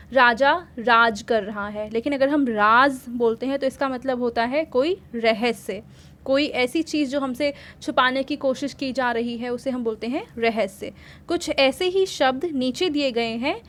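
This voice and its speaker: A woman teaching a worksheet lesson to children, explaining step by step and often checking in with questions. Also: high voice. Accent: Hindi.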